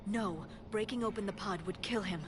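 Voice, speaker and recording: A woman's voice: medium pitch, moderate pace, noisy background, lightly acted. Woman voicing an earnest female alien scientist. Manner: thoughtful, careful, hopeful.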